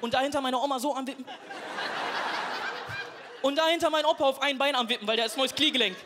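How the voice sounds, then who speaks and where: A man's voice: extremely high pitch, fast. A young man from Duisburg doing self-mocking stand-up comedy, chatting with the audience. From Duisburg, Germany. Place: stage before a live audience. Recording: live show with audience and noise.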